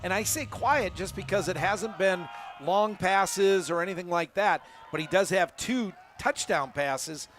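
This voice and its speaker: A man's voice: sits high, unhurried, hardly any pauses, a bit bright. A man as color commentator on a live college football broadcast, breaking down plays and laughing easily with his partner. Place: press box at a football stadium.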